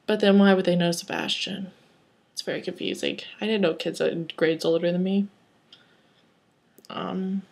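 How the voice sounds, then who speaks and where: A woman's voice: fairly low pitch, creaky. A woman reading fanfiction aloud, breaking off into chatty, wry commentary. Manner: chatty, rambling asides, wry. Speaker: reader.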